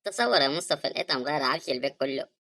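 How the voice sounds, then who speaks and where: Woman doing sad egyptian lady crying over her dead brother, low voice, talks super fast. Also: animated, a bit bright. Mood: sad, upset. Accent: Egyptian Arabic. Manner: tearful, reproachful, fast talking. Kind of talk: animated drama dialogue.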